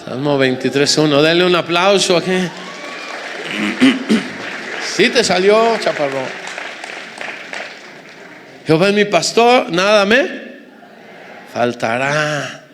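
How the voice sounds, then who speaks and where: A man's voice: high-pitched, slow pace, long pauses, fairly bright tone, a faint crowd, slight background noise. A man preaching a sermon to his congregation, emphatic and repetitive, with joking asides. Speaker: pastor. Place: church hall with congregation. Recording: reverberant church hall.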